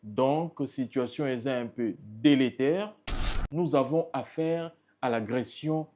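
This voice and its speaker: Speaking at a slow pace in a mid-range, mellow voice, a male political party spokesperson with a Congolese French accent makes emphatic, impassioned points as an interview guest. Slight background noise can be heard.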